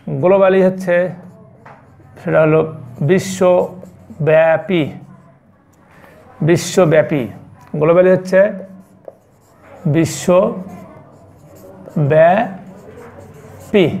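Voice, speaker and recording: Gravelly-voiced male teacher, repeating slowly. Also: on the high side, darkish tone. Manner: explains step by step, repeats words slowly. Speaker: school English teacher. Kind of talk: online class lesson.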